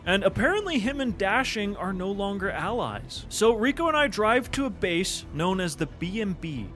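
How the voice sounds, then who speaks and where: A man's voice: high voice, fairly bright tone. A man giving a dramatic scripted narration of video game play, telling it as a story. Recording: music behind the voice. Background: background music.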